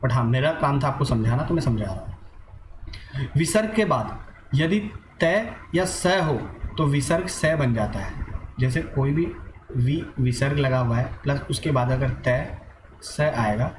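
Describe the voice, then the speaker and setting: A man's voice: mid-range voice, lively intonation, unhurried, roomy sound, noisy background. A man teaching an online grammar lesson, asking and answering his own questions and mixing in English words.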